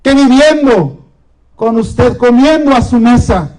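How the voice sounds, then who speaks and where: A woman's voice: fairly high pitch, animated, mellow, pitched above the performer's own voice, rough recording. A man doing a tearful pleading slave woman. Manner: pleading, emotional, drawn-out.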